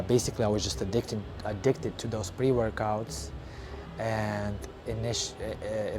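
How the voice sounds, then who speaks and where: A young man from Ukraine speaks in a somewhat low voice, telling his personal story with blunt, unpolished frankness. He pauses and restarts often, leaning on fillers and the odd curse. Steady background noise sits clearly under his voice. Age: young adult. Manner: frank, halting, with frequent fillers and swearing. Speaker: vlogger.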